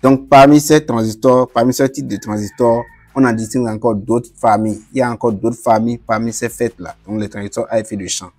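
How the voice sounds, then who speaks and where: Male teacher, even and monotone delivery, talks viewers through diagrams as he writes. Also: medium pitch, brisk, hardly any pauses. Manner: explains while writing, casual asides to viewers; apologizes for his English pronunciation. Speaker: electronics teacher. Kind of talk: whiteboard lesson.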